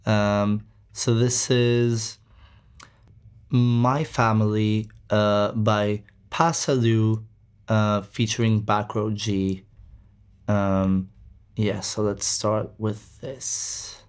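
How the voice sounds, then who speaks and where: A man's voice: lowish voice, flat delivery, very slow, clear, resonant tone. A man from Greece hosting a music show, chatting casually between songs in a rambling way, with lots of fillers and casual swearing. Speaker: radio show host.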